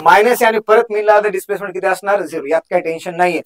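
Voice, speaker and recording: A young man with a Marathi accent teaching a fast physics exam crash course, chatty and joking, quizzing students over and over on formulas. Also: sits high, rough recording. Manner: chatty, joking, drills formulas with repeated questions.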